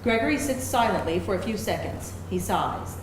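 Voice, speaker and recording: At a live table read in front of an audience, a woman serves as the scripted narrator, reading out the stage directions. Her medium-pitched voice has lively intonation and a moderate pace. The room is very echoey, with a faint layer of noise.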